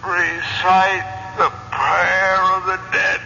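An actor playing a tormented spirit in a radio drama, crying out in drawn-out, tortured phrases. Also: male voice, high voice, flat delivery, creaky, sharp tone, exaggerated voice. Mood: defeated anguish. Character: anguished spirit possessing a body, defiant then broken. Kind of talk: theatrical radio drama acting. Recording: muffled, long reverb, faint hum.

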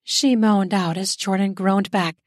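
A woman's voice: mid-range voice, steady tone, unhurried, no room sound, clean studio sound. Woman narrating an erotic story.

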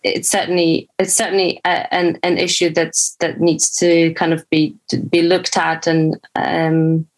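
A woman's voice: lowish voice, completely flat delivery, a little slow, hardly any pauses. A woman from Poland, a guest on a podcast, talking in a hesitant, reflective way with many restarts. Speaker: podcast guest, brand founder. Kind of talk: casual podcast conversation.

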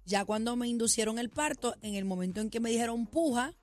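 Lively woman radio co-host. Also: fairly high pitch, brisk. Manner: lively, laughing, dramatic storyteller. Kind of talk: casual radio banter.

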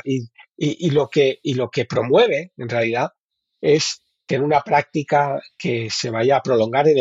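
A man from Spain, a bike fitting expert with a Spanish accent, talks keenly in a casual interview, often repeating and restarting words. His mid-range voice is darkish and husky, recorded without echo and with the highs cut off.

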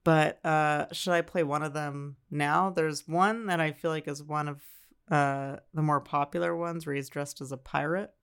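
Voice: mid-range voice, fairly even intonation, moderate pace, fairly bright tone, smooth. A podcast co-host chatting casually and explaining commercials in a dry, matter-of-fact way. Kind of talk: casual chat.

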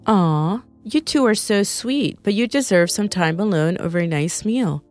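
A woman reading Stevie, excitable and indignant. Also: mid-range voice, measured pace, faint music behind, close to an everyday voice. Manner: stammering, rising indignation. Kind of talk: storybook character reading.

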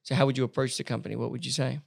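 Fast-talking gravelly podcast host. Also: medium pitch, little pitch movement. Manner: quick, eager questioning. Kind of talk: casual interview chat.

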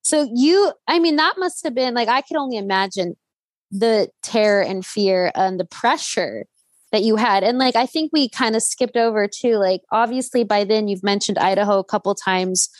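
A woman's voice: mid-range voice, normal speed, no echo. A woman from the LA area with a Southern California accent, chatting informally and slangily as an interviewer, often saying "like". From Los Angeles Valley, California. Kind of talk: casual chat.

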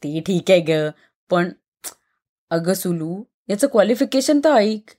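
A woman's voice: on the low side, animated, slow, warm tone. A woman narrating a short story, voicing the playful back-and-forth between two young women friends. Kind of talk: story reading with acted dialogue.

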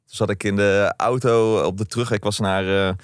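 A man co-hosting a podcast, telling stories in a relaxed, chatty way with the odd swear word. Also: fairly low pitch, moderate pace, smooth, dry recording, studio quality. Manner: relaxed storytelling, mild swearing. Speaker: podcast co-host. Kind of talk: casual chat.

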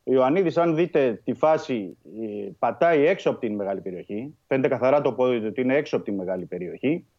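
A man's voice: mid-range voice, expressive, hardly any pauses, lo-fi sound. A man breaking down a refereeing call on a radio show, methodical and stubborn, talking over the others to finish his point. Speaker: refereeing pundit. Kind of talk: heated radio football debate.

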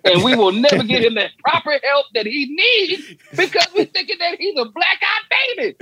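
A man's voice: very high-pitched, lively intonation, normal speed, sharp tone, low-quality recording. A man co-hosting a podcast in casual comic banter, incredulous and repeating phrases for effect. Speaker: podcast co-host.

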